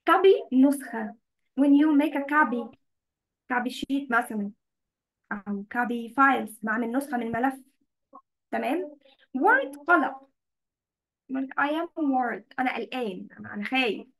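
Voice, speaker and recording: An Egyptian woman with a high, bright-sounding voice teaches English words to children over a video call. She switches between Arabic and English and keeps asking if everyone follows. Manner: mixes Arabic and English, checks in often with students. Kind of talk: online class explaining vocabulary.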